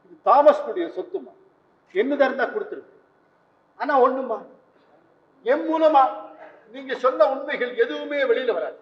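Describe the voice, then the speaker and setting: A kindly, quietly wry priest in an old stage play, his voice sitting unusually high. It sounds far off in a big echoing hall, on a dull old recording. He talks with calm theatrical care. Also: normal speed, pauses often. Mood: gentle. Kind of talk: vintage stage play acting.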